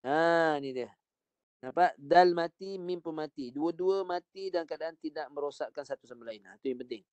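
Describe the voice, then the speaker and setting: A man's voice: on the high side, normal speed, a little mellow, no room sound. Malaysian man teaching recitation, dry sound. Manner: patient, repeats short drills and corrections. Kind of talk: online recitation lesson. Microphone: video call.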